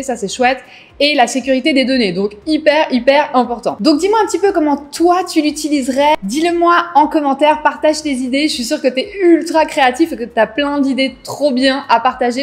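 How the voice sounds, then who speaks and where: A woman runs her own business vlog in a high, lively voice. She chats casually and gushes with enthusiasm, heaping praise on whatever she shows. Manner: enthusiastic, chatty, piles on superlatives. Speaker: business content creator host. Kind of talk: casual vlog talk to camera.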